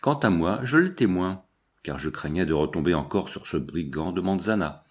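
A man reading a novel aloud in a measured, storytelling way. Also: low voice, expressive. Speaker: audiobook narrator. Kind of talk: scripted narration.

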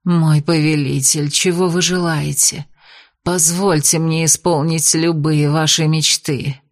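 A woman's voice: sits low, slow. A woman voicing a sultry, cold-hearted witch who speaks in a languid, purring way. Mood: seductive.

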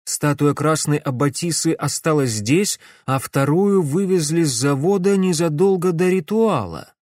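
A man's voice: a little high, animated, unhurried, a little mellow, no room sound, studio quality, pitched above the performer's own voice. A man voicing an anxious male professor explaining a discovery in an audiobook. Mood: worried.

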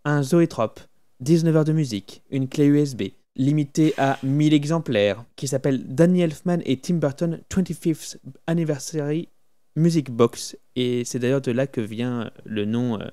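Mellow-voiced French man chatting. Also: mid-range voice. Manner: enthusiastic, recommends music, hums tunes. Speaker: podcast co-host. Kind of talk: casual film music podcast chat.

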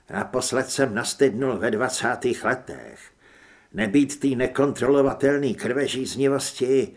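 A man voicing a century-old male werewolf in an audiobook, gruff with dry humor. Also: medium pitch, lightly acted. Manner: gruff, wry. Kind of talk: audiobook character reading.

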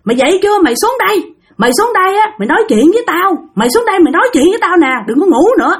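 A woman's voice: very animated, very fast. A woman voicing a furious, jealous older sister shrieking accusations. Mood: furious, accusing. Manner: shrill accusing tirade.

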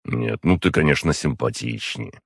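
A hot-tempered demon companion grumbles with jealousy, as a man reading the book puts her on. The voice is gravelly and husky, pitched above his own. The recording is dry and close. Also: expressive, moderate pace, no room sound, heavily acted. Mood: musing. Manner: grumbling, hissing, teasing. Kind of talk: audiobook narration.

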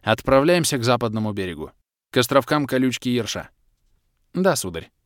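A male narrator tells a first-person adventure story. His pitch rises and falls a lot as he reads. The recording is dry and close, with no room sound. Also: big pitch swings, a little fast, no echo. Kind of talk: audiobook narration.

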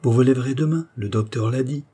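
A man's voice: mid-range voice, fast, mellow, husky, close to an everyday voice. A man voicing a proper young goddaughter who speaks primly and scolds. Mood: gentle. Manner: prim, reproachful.

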